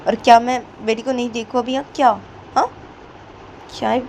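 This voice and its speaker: A protective mother who pleads firmly and tries to calm things down, her voice pitched up, as a woman narrator puts her on. Steady traffic noise sits behind her. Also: brisk, lightly acted. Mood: pleading. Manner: pleading, placating, repeats requests.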